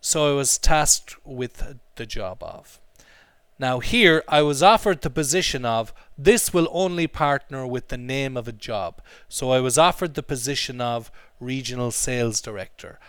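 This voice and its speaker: A man's voice: mid-range voice, animated, measured pace, fairly bright tone, smooth, no room sound. A man teaching an English class, explaining vocabulary and drilling pronunciation with repeated phrases. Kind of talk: classroom language lesson.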